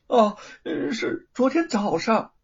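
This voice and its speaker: Man doing a shrill, sly villainous woman. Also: big pitch swings, slow pace, gravelly, husky, muffled recording, full character voice. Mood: terrified. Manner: mocking, shrill denials, stammers when scared. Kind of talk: storybook character voice.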